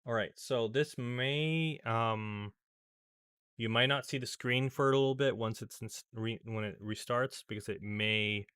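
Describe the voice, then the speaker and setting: A man's voice: mid-range voice, measured pace, fairly bright tone, clean tone, no room sound, studio quality. A man giving casual, rambling commentary over a screen recording as a tech vlogger, with many fillers and restarts.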